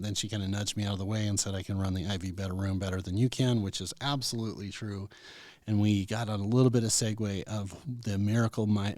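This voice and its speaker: A man's voice: fairly low pitch, a little mellow, no room sound, clean studio sound. An American man hosting a health talk radio show as a doctor, speaking in a folksy, informal way straight to listeners.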